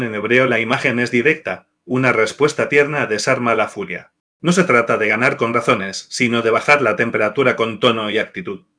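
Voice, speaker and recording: A man narrates a scripted devotional lesson with a bright, forceful tone. His reading is measured and orderly. His voice rises or drops sharply each time he announces a numbered point. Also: medium pitch.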